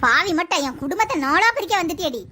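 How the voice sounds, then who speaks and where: A woman's voice: very high voice, animated, fast, bright, forceful tone, a little hiss or hum, pitched below the performer's own voice, full character voice. A woman voicing a fierce, protective middle-aged mother who scolds harshly in a family skit. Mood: angry.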